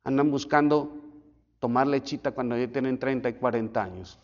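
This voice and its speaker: A man in his forties, a pastor preaching a sermon in an animated way and acting out the voices he quotes. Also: medium pitch, normal speed. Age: 40s. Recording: echoey hall, dull lo-fi sound.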